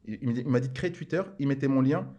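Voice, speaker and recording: A man speaking quickly in a loose, slangy way as a podcast guest. He tells his stories in a relaxed chat and leans on filler words. His pitch sits in a middle range. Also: lo-fi sound. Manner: slangy, rapid, full of fillers like genre and en mode. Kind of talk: casual storytelling chat.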